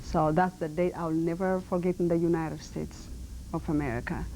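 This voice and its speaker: Speaking on the low side with fairly even intonation and a warm tone, an Ethiopian-accented model and actress gives an earnest, emphatic 1990 TV interview in halting non-native phrasing. The broadcast audio is low-quality, with a little hiss or hum.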